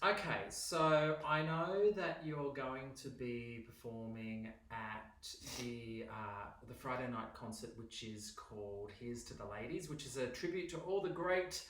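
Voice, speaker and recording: A man hosts a casual interview, asking long, rambling questions and nodding along with quick affirmations. His voice sits at a medium pitch. He sounds distant from the mic in a roomy space. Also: fairly bright tone. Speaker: interviewer host.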